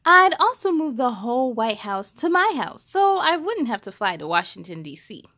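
A young American woman hosts a children's read-aloud show, reading stories aloud with playful, animated expression and tossing in friendly asides. Her voice is a little high and her pace moderate.

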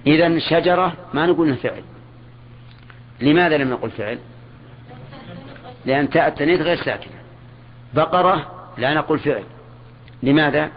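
An older man teaches grammar in a measured classroom manner, repeating key words and questioning his students. His voice sits at an ordinary middle pitch. It comes through a dull, lo-fi old lecture recording with a faint hiss behind it.

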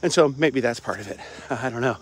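Speaking quickly in a mid-range voice with a slight hiss or hum on the track, an older man from Cincinnati, Ohio vlogs on foot around a suburban campus. The casual, rambling chat is full of fillers and chuckles, captured by a phone held out at arm's length and wireless earbuds.

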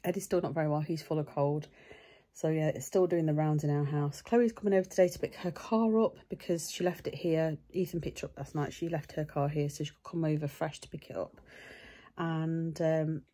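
Chatty middle-aged woman, low voice. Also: steady tone, brisk, warm tone. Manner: chatty, rambling, self-deprecating. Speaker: vlogger. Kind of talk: casual chat to camera. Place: home and back garden.

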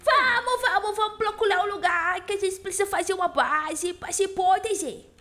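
A woman's voice: very high-pitched, moderate pace, pushed and bright. A woman voicing a cheeky, feisty little girl who hosts a children's Minecraft role-play, exclaiming in a childlike, bratty way. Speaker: host of children's gaming channel. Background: music.

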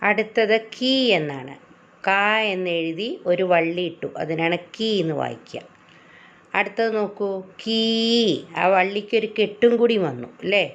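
A woman's voice: on the low side, expressive, moderate pace. A woman teacher patiently explaining letters to children, step by step. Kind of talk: children's reading lesson. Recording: lo-fi recording.

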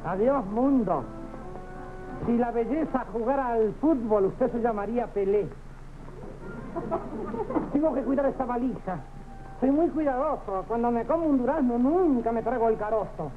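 An actor playing a cheeky, put-upon Argentine soldier, a bungling orderly who wisecracks and exclaims in an old television comedy. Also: male voice, very high voice, normal speed, pauses often, over music. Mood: wry, chatty. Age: middle-aged. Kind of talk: 1960s television sketch comedy acting. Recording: tinny, noisy old television soundtrack.

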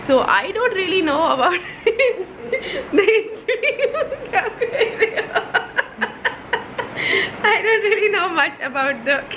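Slow, giggly woman talking through a wipe. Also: very high voice, sing-song, muffled recording. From India. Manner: chatty, giggly, asks viewers questions. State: speaking through a wipe over her mouth. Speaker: vlogger. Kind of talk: casual vlog talk to camera. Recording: echoey room with background noise.

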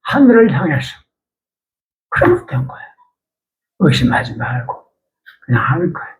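A man's voice: sits high, very animated, a little fast, poor audio. An older man preaching in a church, talking in a plain, conversational way and asking his listeners questions. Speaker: pastor. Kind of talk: sermon.

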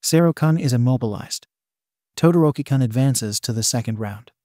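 A man's voice: medium pitch, expressive, moderate pace, dark tone, no echo, clean studio sound, natural voice. A man voicing an adult female referee who speaks in a quivering voice while shivering and trapped in ice. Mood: shaky, formal.

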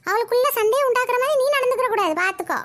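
Cartoon gossip auntie played by a woman: Kayalpattinam Tamil accent, very high squeaky voice, nagging and preachy. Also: racing, fairly bright tone. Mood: lecturing. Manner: nagging, lecturing. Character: meddling gossipy middle-aged auntie. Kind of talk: cartoon voice acting.

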